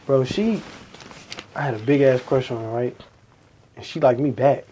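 A man's voice: medium pitch, normal speed, a little hiss or hum. A young man hosting a podcast, chatting casually and acting out old conversations as he tells stories. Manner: animated storytelling, acting out past conversations. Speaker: podcast host. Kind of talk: casual chat.

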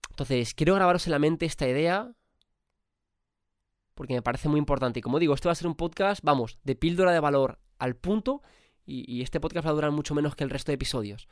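A man's voice: on the high side, fast talker, clear, resonant tone, no room sound, clean studio sound. Spanish man with a cold, motivating. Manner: emphatic, casual swearing. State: has a cold. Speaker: podcast host. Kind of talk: motivational podcast monologue.

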